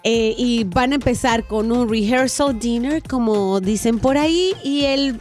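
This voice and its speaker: High chatty woman doing celeb gossip on radio, playful, music under her. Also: a little slow. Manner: playful, expressive, digressive. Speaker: entertainment gossip presenter.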